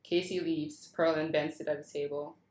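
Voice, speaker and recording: Her deep, slightly mellow voice stays level at a moderate pace as she reads out the stage directions, meaning scene headings and action lines, at a table read. The video call audio is roomy and echoing.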